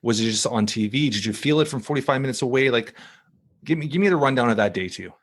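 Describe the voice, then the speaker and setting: A man hosting a podcast in casual conversation, eager and asking quick follow-up questions. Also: mid-range voice, animated. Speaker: podcast host.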